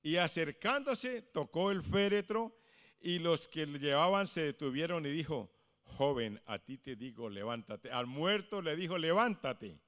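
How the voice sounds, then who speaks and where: A male pastor preaching a sermon, swinging from hushed lines to loud exclamations. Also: on the high side, animated, measured pace, in a large hall. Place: church.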